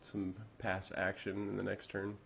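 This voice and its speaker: A man's voice: fairly low pitch, monotone, unhurried, creaky, slightly rough. A man doing casual play-by-play commentary on a video game, rambling and correcting himself with fillers. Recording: dull lo-fi audio.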